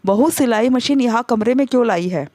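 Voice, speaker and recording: A grasping middle-aged mother-in-law in a storybook tale scolds and complains in a fairly high voice, voiced by a woman. The sound is dry and close, with no room around it. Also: fairly quick, a little mellow, no room sound, natural voice. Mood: complaining. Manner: scolding, self-pitying complaints.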